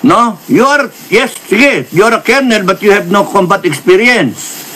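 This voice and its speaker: A man's voice: high voice, animated, moderate pace, sharp tone. A man with a Filipino accent giving political commentary, lecturing and mixing in English phrases. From Philippines. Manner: lecturing, repeated apologies, mixes English phrases.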